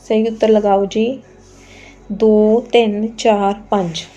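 Woman, teacher, quiz lesson, mellow voice, patient. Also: medium pitch, little pitch movement, slow pace, muffled recording, soft background music. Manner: patient, polite, repeats each question with respectful "ji". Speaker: exam-prep teacher. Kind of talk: quiz lesson reading questions and answers.

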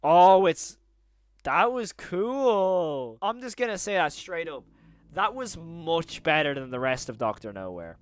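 A young adult man reacts to a video in a casual, enthusiastic, slangy manner, speaking close into a boom-arm mic in a small indoor bedroom studio. His voice is a little high and a little slow, with big pitch swings and a clean, echo-free tone.

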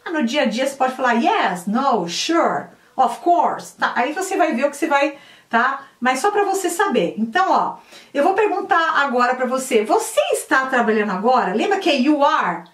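Woman, high voice, teacher, chatty, slow drilled repetitions, roomy echo. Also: sing-song, a bit bright. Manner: chatty, repeats drills slowly. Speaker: English teacher. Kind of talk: casual online lesson. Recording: echoey room, mic at a distance.

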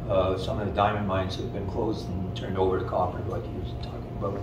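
Older guy speaker at a q&a, lowish voice, lots of ums, far off in an echoey noisy hall. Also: flat delivery. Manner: measured, hesitant with many fillers. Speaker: guest speaker answering audience questions. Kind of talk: lecture Q&A. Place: wood-panelled reception room with audience. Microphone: far camera in the audience.

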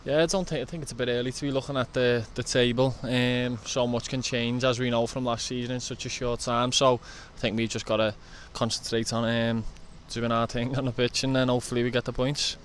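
A man's voice: medium pitch, level tone, fairly quick, hardly any pauses, slight background noise. A man in his twenties, a footballer, giving short plain answers outdoors into a handheld mic. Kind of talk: post-match interview. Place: outdoors by a training pitch.

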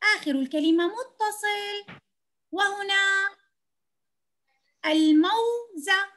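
With a very high-pitched, pushed and bright voice, a woman gives an online reading lesson to young children. She is a kindergarten teacher, and her manner is patient and encouraging, slow and clear.

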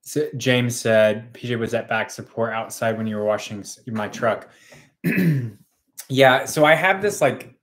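Relaxed rambling man in his thirties. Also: on the low side. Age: 30s. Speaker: co-host. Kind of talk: casual livestream chat. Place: home kitchen, indoors.

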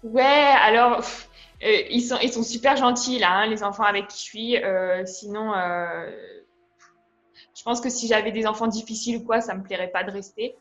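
A young French woman being interviewed about her au pair job, talking in a relaxed, hesitant way with many fillers. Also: mid-range voice, moderate pace, muffled recording, soft background music. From France. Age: young adult. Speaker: guest, au pair. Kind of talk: casual interview.

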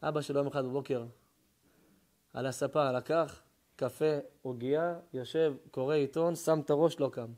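A man who is a rabbi, giving a Torah lesson as a sermon, telling stories with feeling and swinging between hushed words and loud cries. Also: medium pitch, steady tone, slight background noise. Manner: emotional storytelling, swings between hushed and shouting.

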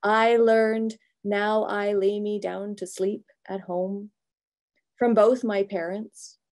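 A middle-aged woman pastor gives a prepared, reflective talk over a video call from her home office, which has bookshelves. She is measured and thoughtful, pausing between phrases, and her mid-range voice has a flat delivery and a darkish tone.

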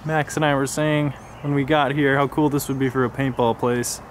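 A man's voice: medium pitch, steady tone, normal speed, slight background noise. A young man hosting a casual exploring video, chatting easily and narrating what he finds as he walks through empty apartments. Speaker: urban explorer host. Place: abandoned housing complex, outdoors and in empty apartments.

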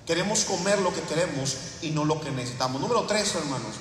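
A man's voice: a little high, expressive, fast talker, a bit bright, slight background noise. A man preaching a sermon as pastor, mixing folksy stories with fervent appeals. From Latin America. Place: church sanctuary. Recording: echoey church hall, mic far off.

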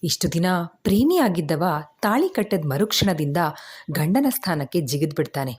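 A woman reading a story aloud in a steady, expressive storybook narration. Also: fairly low pitch, normal speed, husky.

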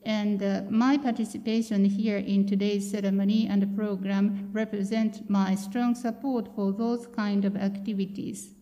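A woman interpreting a speech into English, steady with filler pauses. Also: medium pitch. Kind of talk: consecutive interpreting. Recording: reverberant hall.

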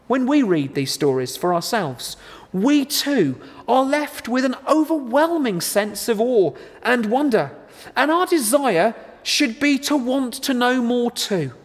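A man in his thirties delivering a sermon to camera in a measured, earnest, deliberate way. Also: high-pitched. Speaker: preacher. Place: large church interior. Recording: long church reverb.

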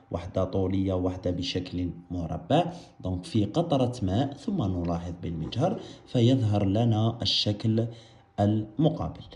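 A man's voice: mid-range voice, dark tone, echoey room. A man with an Algerian Arabic accent teaching a biology lesson, asking his students questions and answering them himself while repeating the key terms. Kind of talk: explaining a science lesson.

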